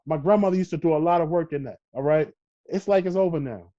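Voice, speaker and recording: Emphatic Brooklyn man, high voice, dull audio. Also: fast talker, mellow. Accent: New York. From Brooklyn, New York. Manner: emphatic, peppers points with "all right" and "you know what I mean". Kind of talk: casual podcast conversation.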